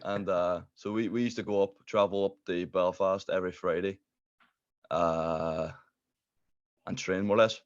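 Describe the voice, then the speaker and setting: A young man with a low voice and a thick Derry accent chats casually on a video call. He jokes at his own expense, and the sound is a bit dull and lo-fi. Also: fairly even intonation, a little slow. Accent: Derry, Northern Irish. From Derry, Northern Ireland. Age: young adult. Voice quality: strong regional accent, hard to understand at times. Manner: joking, self-deprecating. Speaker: podcast guest, streamer. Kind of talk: casual chat.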